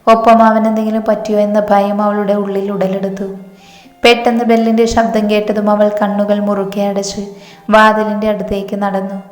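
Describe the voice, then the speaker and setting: A woman narrating a dramatic story in a steady, scripted reading. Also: medium pitch, normal speed. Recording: echoey reverberant room with music.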